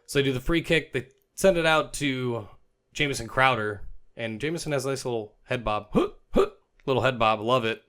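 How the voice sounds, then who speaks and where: A young man narrating football clips as a comic voice-over host, joking and dropping into quick silly voices for the players. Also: medium pitch, a bit bright. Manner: jokey, puts on players' voices in quick asides.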